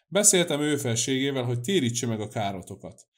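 A man's voice: medium pitch, very animated, close to an everyday voice. A man voicing a stubborn old priest with a dull, muffled way of speaking in an audiobook. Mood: reading aloud. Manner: gruff, testy.

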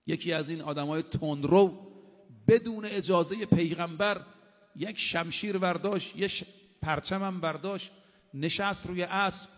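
High-voiced male preacher in a reverberant hall. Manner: recites short Arabic sayings, then explains them in casual spoken Persian; addresses the audience directly, with emphatic repetition. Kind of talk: sermon.

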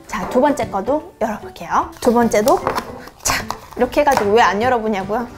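A young woman with a high, bouncy voice hosts a toy unboxing for children. She calls herself by name, talks to the viewers as her friends, and sings out playful cries at every reveal. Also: expressive, brisk, over music. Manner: sing-song reveal cries.

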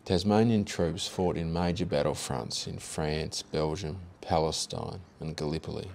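A man, reading a scripted history narration in a measured, factual way. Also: a bass voice, fairly even intonation, creaky, a little mellow, a little hiss or hum. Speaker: documentary narrator.

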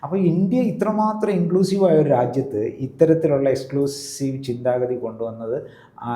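A man's voice: medium pitch, mellow. A priest explaining his views in an interview, in a teacherly way, often checking with the listener. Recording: roomy echo.

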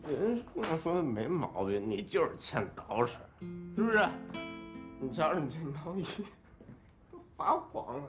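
A man's voice: on the high side, huge pitch swings, moderate pace. An actor playing a drunken divorced young man who rambles, slurs and teases in a TV drama. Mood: drunk teasing. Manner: slurred, rambling and teasing. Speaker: drunken ex-groom. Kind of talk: TV drama acting. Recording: echoey room with background music.

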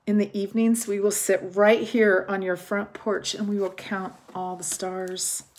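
A woman voicing an eager, cheerful male frog from a storybook, calling out in a high, excited voice. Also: unhurried, close to an everyday voice. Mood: eager pleading.

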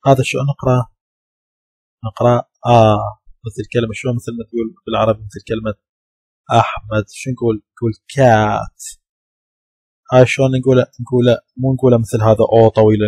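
A man's voice: fairly low pitch, little pitch movement, a little fast, warm tone, husky, no room sound. A man with an Iraqi Arabic accent teaching English pronunciation in a patient lecture, repeating the sounds many times. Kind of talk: classroom lecture.

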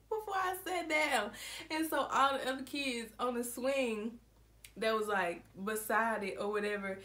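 A woman of twenty-one telling a childhood story to her viewers in a lively, chatty way, laughing often as she goes. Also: a little high. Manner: animated, laughing, addresses viewers as y'all. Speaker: vlogger. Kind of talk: storytime vlog.

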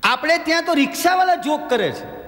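A male stand-up comedian tells everyday anecdotes and slips into quick voices for the characters. His voice sits very high for a man. A long hall reverb trails behind every line. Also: expressive, fairly bright tone. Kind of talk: stand-up joke telling in a stage show.

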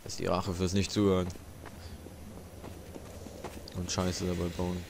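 A young man narrates his game session in a casual, rambling way, often swearing when things go wrong. His voice sits a little low. Loud gunfire from the game plays behind him. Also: monotone, measured pace, creaky, background noise. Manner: swears a lot, frustrated, rambling. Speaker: let's play gamer. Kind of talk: casual gameplay commentary.

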